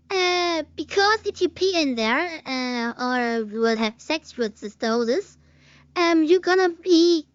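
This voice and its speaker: A woman with a German accent, a native German speaker, doing casual reaction commentary as a streamer. She talks haltingly, hunts for English words and swears casually. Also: sits high, no room sound, highs cut off.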